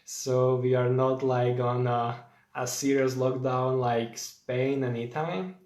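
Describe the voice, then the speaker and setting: Slow and fairly even in intonation, a young man with a Slovak accent chats loosely on a live stream, using plenty of fillers and stopping to say hello to viewers. His voice is mid-pitched with a darkish tone, and the room sounds roomy and echoey.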